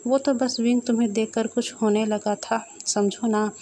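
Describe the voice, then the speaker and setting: A goofy scaredy young guy cracking silly jokes, read out by a woman in her own slightly high voice in a spoken storybook. faint hiss sits under it and the delivery stays close to plain narration. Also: steady tone, normal speed, dark tone, close to an everyday voice. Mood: joking. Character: jokey cowardly young man, wisecracking.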